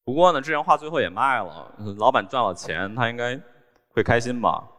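Deadpan man telling stories in a reverberant hall. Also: mid-range voice, brisk. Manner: wry, deadpan storytelling with small laughs. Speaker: cartoonist giving a stage talk. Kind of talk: storytelling talk on stage. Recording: long hall reverb from stage.

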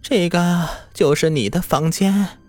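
A man voicing a creepy, raspy old landlady who speaks in curt, ominous warnings, over background music. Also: sits high, measured pace, a little mellow, pitched above the performer's own voice.

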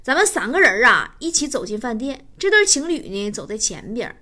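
A woman's voice: a little high, sing-song, normal speed, bright, forceful tone. A woman comedian, telling stand-up stories in a teasing, self-mocking way. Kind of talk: stand-up storytelling.

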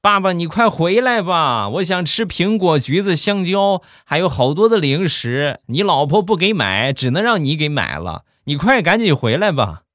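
A small child pleads and coaxes in a high, piping singsong. The voice bounces up and down with a needy whine. A man puts the voice on. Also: very animated, moderate pace, hardly any pauses, fairly bright tone, dry recording, studio quality. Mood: wheedling. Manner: whiny, coaxing.

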